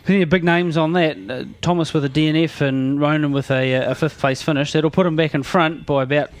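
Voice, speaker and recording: A man's voice: a little high, fairly even intonation, fairly quick, no echo. A man giving conversational motorsport analysis as co-commentator, hesitantly rephrasing as he goes.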